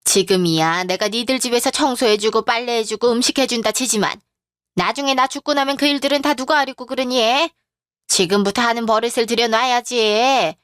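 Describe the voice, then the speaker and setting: A woman voicing a domineering, sharp-tongued older mother-in-law in a radio drama, with a scolding manner. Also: fairly high pitch, a little fast, clean tone, dry recording, studio quality, close to an everyday voice.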